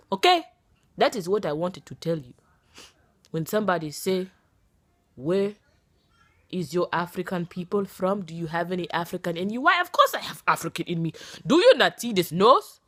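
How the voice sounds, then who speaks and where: A woman from the United States in her thirties chats casually to camera. Her voice is husky and lowish, with lively swings of pitch. She talks in a playful, dramatic way. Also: no echo. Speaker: vlogger. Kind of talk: casual vlog chat.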